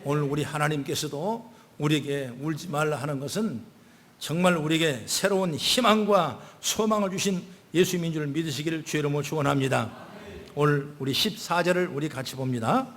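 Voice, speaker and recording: An older man, a pastor, preaching a sermon with swings between loud emphatic calls and soft low asides. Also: fairly quick. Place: church sanctuary. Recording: long hall reverb.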